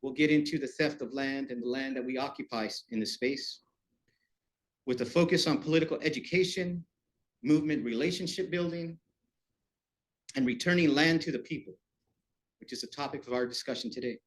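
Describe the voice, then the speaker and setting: A man hosting a college talk, introducing the guest speaker in a warm, slightly halting way in a lecture room. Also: mid-range voice. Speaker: event host introducing the speaker.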